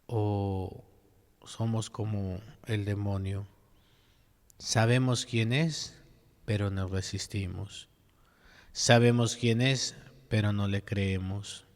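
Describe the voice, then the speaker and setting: A priest preaching a sermon at mass, earnest and full of rhetorical questions. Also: male voice, lowish voice, steady tone, slow, long pauses, long reverb tail.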